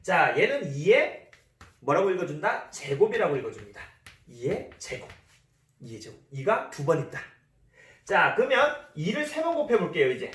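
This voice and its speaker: A man teaches a math lesson, repeating key terms and quizzing the class, his slightly high voice swinging widely in pitch at a normal speed with a fairly bright tone. The recording picks him up from a distance with a roomy echo.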